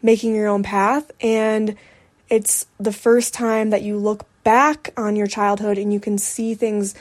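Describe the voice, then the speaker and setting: This podcast host, a woman in her twenties, speaks a little slowly in a mid-range voice with a level tone. Talking alone and casually about a personal update, she stays candid and reflective and fills pauses with "like."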